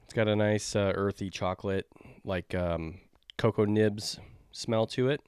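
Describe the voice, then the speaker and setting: A man's voice: on the low side, steady tone, a little slow, a little mellow, clean tone, dry recording, clean studio sound. A man hosting a beer review podcast, talking in a loose, rambling, jokey way.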